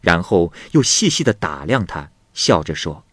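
A male storyteller retelling a classic ghost tale in plain vernacular, leisurely and expressive, doing the voices of all the characters. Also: low-pitched, normal speed, slightly rough, no room sound.

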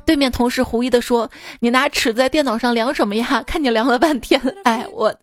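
A woman's voice: on the high side, a little fast. A woman hosting a podcast, reading listener jokes aloud in a chatty, teasing way. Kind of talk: casual comedic reading.

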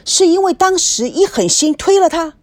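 A woman voicing a sharp, relentless female TV talk-show host who presses her guest with probing questions. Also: very high-pitched, lively intonation, normal speed, pitched above the performer's own voice. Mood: pressing.

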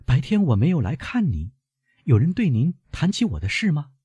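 A man's voice: a little high, huge pitch swings, normal speed, mellow, husky, dry recording, voice pushed up, exaggerated voice. A man voicing an anxious, devoted young granddaughter who keeps pressing her questions urgently. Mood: anxious pleading.

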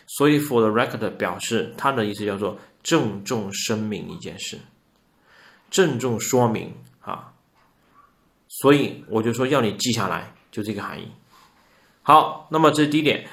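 A man's voice: fairly low pitch, lively intonation, normal speed, fairly bright tone, a little hiss or hum. A man teaching an online English lesson, patiently explaining and asking his students rhetorical questions. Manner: patient, repeats points, asks the class rhetorical questions.

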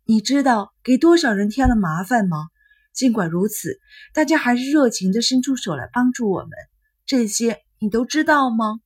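Woman doing a worried young woman, urgent, pleading, husky voice, audiobook. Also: a little high, animated, moderate pace, pitched above the performer's own voice. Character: anxious young woman, worried elder sister.

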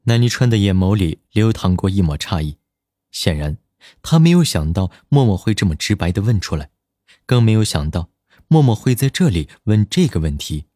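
Low-voiced man narrating an audiobook. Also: very animated, normal speed, mellow, dry recording, clean studio sound.

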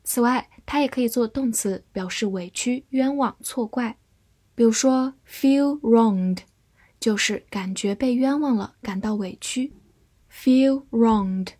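A woman gives a scripted vocabulary lesson at a very slow, deliberate pace. Her voice is breathy and sits fairly high. She reads each example sentence slowly and then says it again. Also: warm tone. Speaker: English vocabulary teacher.

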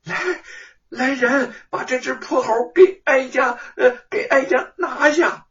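Haughty imperial consort, shrill and commanding, put on by a male storyteller; dull, distant lo-fi sound. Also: very animated, a little slow, noisy background. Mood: furious.

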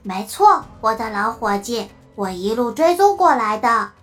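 A high, squeaky robot voice for a cute round robot helper. It talks flat and literal, bungling idioms with earnest confidence. Soft music plays underneath. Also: male voice, a little slow, heavily acted. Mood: deadpan. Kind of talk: children's storybook narration.

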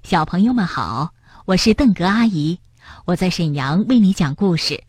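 语调活泼、给孩子讲故事的女人. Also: female voice, lowish voice, normal speed, husky, no room sound, clean studio sound. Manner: lively, expressive. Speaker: children's storyteller. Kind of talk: picture-book reading for children. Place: Shenyang.

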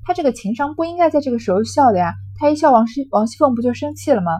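Husky woman explaining a classic novel. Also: high voice, animated, racing, dark tone. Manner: conversational retelling with fillers. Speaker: literature lecturer.

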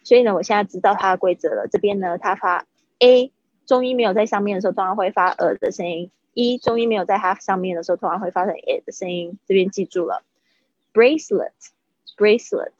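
A woman teaching English vocabulary to Chinese speakers in a chatty livestream, repeating words slowly to model how they sound. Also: medium pitch, fairly even intonation, no echo, highs cut off.

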